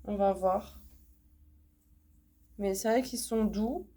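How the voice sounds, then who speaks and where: This haul vlogger has a cold that makes her voice nasal, and her medium-pitched, mellow speech comes at a slow pace. She chats casually about the items she bought, repeating herself and leaning on plenty of fillers.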